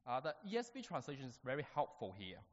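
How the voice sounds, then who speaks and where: A man preaching a sermon to a church, talking haltingly with many fillers and restarts. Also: mid-range voice, huge pitch swings. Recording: dull sound with long reverb.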